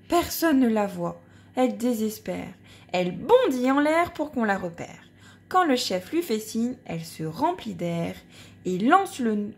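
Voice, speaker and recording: A woman reading a children's storybook aloud. Her voice sits a little high and swings widely in pitch, playful and animated like a storyteller. She tells it expressively, speaking straight to a young listener. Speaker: storybook reader. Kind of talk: expressive read-aloud narration.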